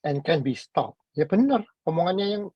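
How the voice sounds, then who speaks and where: A man's voice: on the high side, sing-song, normal speed, husky, no echo, dull audio. A man calling into a talk show, speaking casually and hesitantly, searching for words and mixing in English phrases. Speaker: caller. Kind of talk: casual call-in chat.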